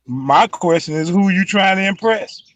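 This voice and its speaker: A man's voice: sits high, normal speed, a bit bright, a little hiss or hum. A man in a casual discussion who presses his point with repeated, pointed questions. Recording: dull lo-fi sound.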